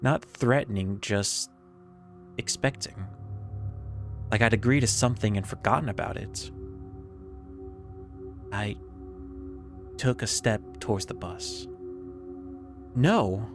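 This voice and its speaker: Brief: male horror narrator, lowish voice, creeping suspenseful pacing with pauses, faint music underneath. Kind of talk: scripted first-person horror narration.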